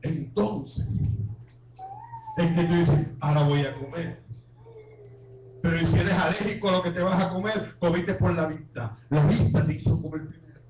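A man's voice: high-pitched, moderate pace, a little mellow, echoey room, recorded from a distance, a little hiss or hum, poor audio. A man preaching an impassioned sermon as an evangelist, crying out and acting out prayers. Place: church.

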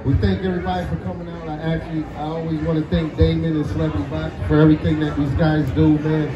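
A man's voice: on the high side, little pitch movement, quick pace. A man giving an informal thank-you speech on stage at a press conference. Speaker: guest speaker at press conference. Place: indoor venue stage. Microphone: handheld microphone, distant camera. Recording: dull echoey PA, noisy crowd.

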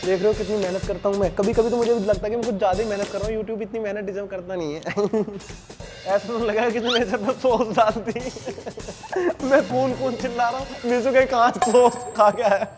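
A man's voice: high voice, steady tone, a little fast, music in the background. A young man casually narrating his prank vlog in a joking, playful, self-mocking way. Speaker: prank vlogger.

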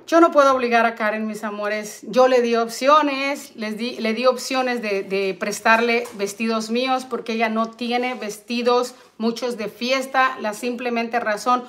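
A woman's voice: fairly high pitch, fairly bright tone. A woman, talking straight to her viewers in a casual vlog. She sounds indignant and rambles, and keeps calling her viewers "my loves". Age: 40s. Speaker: family vlogger. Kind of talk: casual direct-to-camera vlog.

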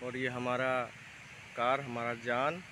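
A man's voice: medium pitch, little pitch movement, slow pace. A man narrating a travel vlog outdoors at a forest waterfall, enthusiastically inviting viewers along. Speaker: vlogger. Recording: outdoor phone audio with background noise.

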